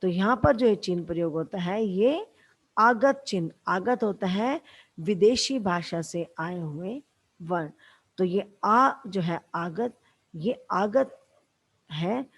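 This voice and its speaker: A woman's voice: mid-range voice, slightly rough. A woman teacher giving a patient lesson to young schoolchildren, calling them "beta" and "bachche", with a Haryanvi accent. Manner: slow, patient, addresses pupils as beta and bachche. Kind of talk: classroom lesson for children.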